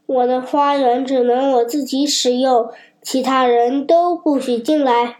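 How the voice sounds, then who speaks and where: A woman with a cold voicing a grumpy, selfish male giant who barks orders gruffly in a storybook. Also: high voice, fairly even intonation, a little slow, darkish tone. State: has a cold.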